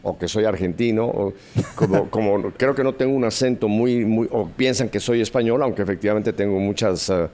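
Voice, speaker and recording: A man's voice: on the low side, a little fast, warm tone. An older man from Mexico City, a guest telling stories about his childhood with a jovial, joking manner. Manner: jovial storyteller, laughs at own jokes. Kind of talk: conversational interview.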